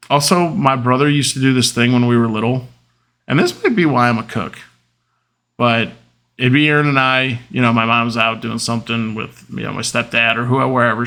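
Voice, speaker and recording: A man hosting a podcast, telling casual stories in a rambling way, full of fillers, getting loud and animated when he retells arguments. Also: mid-range voice, a little fast, vocal fry. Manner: rambling, with many fillers like "um" and "whatever". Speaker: podcast host. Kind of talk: casual storytelling monologue.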